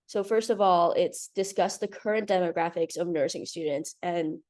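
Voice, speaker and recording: A young Hong Kong woman in her twenties, newly graduated in nursing, gives a slide presentation over a video call. Her voice is fairly low and a little mellow, and she comes across as earnest and nervous, with frequent ums.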